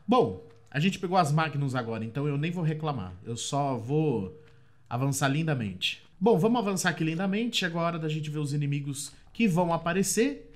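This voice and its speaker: A man with a Brazilian Portuguese accent doing let's play commentary, chatty and excitable, often breaking into shrieks of surprise. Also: fairly high pitch, brisk. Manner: chatty, addresses viewers often. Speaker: gameplay commentator.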